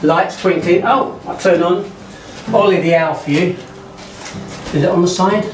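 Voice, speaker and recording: A man's voice: high-pitched, unhurried. A middle-aged man chatting casually on camera in an indoor school reception area, informal and a little self-conscious. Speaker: sculptor interviewed on site. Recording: roomy, distant, with music behind.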